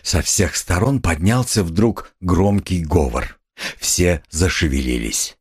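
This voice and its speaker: A man's voice: sits low, slow pace, darkish tone, breathy edge. A man narrating a classic novel as an audiobook, reading dramatically. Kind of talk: scripted literary narration.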